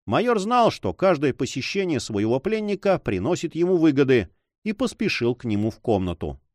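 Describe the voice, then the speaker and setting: A male narrator reads a novel aloud in an even storytelling manner. His pitch is lively and the recording is dry and close, with no room echo. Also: moderate pace. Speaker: audiobook narrator. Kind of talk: scripted narration.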